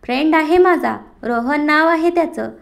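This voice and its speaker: A woman voicing a young man who calmly defends his cousin. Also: high-pitched, moderate pace, gravelly. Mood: reasoning.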